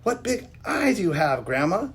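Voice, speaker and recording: A man voicing a little girl in a red cloak, in a high, squeaky voice. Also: big pitch swings, unhurried. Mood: wary.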